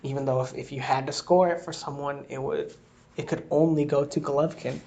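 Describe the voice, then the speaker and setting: A man's voice: a little high, fairly even intonation, a little fast, gravelly, darkish tone, lo-fi sound. A man giving a casual, think-aloud breakdown of boxing footage, reacting to each replay as he scores the round. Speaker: boxing analyst. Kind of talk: casual fight breakdown commentary.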